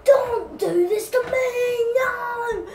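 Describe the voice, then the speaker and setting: A woman's voice: very high-pitched, very slow, far from the mic, crowd noise, pitched above the performer's own voice, heavily acted. A woman doing an impression of a distraught young male gamer, wailing and fake crying. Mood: despairing. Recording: echoey room, from off mic.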